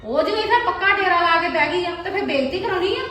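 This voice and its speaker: A woman playing a nagging, sharp-tongued mother in a family skit. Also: very high-pitched, lively intonation, heavily acted. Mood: scolding. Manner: nagging, rapid-fire scolding. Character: sharp-tongued scolding middle-aged mother. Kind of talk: comic family skit acting. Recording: very echoey room.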